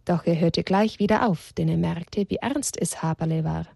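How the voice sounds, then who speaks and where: Woman, husky voice, children's story reading, gentle, expressive, dry close sound. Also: lowish voice, normal speed, no room sound.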